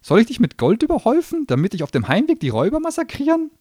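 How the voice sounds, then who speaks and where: In an audiobook reading, a man gives a full character voice to a little male gnome demon who grants wishes, making him sarcastic, hot-tempered, shrill and mocking. The pitch swoops wildly and the pace is quick, yet the tone stays mellow. The sound is clean studio audio with no echo.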